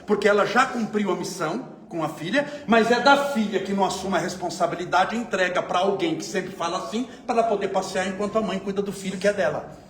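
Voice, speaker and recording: Animated man lecturing in an echoey hall. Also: sits high, quick pace. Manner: conversational, animated storytelling with rhetorical questions. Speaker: spiritist lecturer. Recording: echoey room, faint ambient noise.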